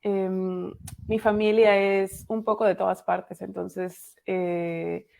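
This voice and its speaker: Mexican woman writer, husky and gravelly, chatty guest on a video call, lots of fillers. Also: mid-range voice, little pitch movement, slow pace, warm tone. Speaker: author, interview guest. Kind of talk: casual interview over video call. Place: dark home room at night.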